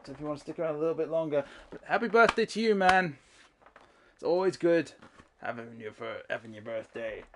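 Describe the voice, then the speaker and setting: A man's voice: a little high, lively intonation, a little fast, noisy background. Profane chatty male game streamer. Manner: profane, chatty, laughs often. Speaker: livestreamer. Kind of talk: casual gameplay commentary. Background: game audio.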